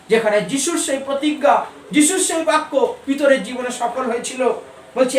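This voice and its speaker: Fervent high-voiced man preaching in echoey church. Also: slight background noise. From Bengal. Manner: fervent, repeats key lines with rising emphasis. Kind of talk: sermon. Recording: echoey church sound from a distance.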